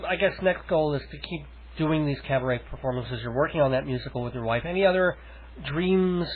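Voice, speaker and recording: A man interviewing a guest on the radio, chatty and quick with teasing jokes. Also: on the high side. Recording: narrow phone-like radio sound.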